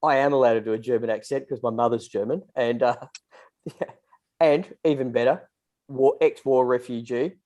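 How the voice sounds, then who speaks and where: A man's voice: mid-range voice, steady tone, moderate pace, mellow, highs cut off. A man co-hosting a casual podcast chat, teasing and joking with his guests. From Australia. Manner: teasing, jokey. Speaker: podcast co-host.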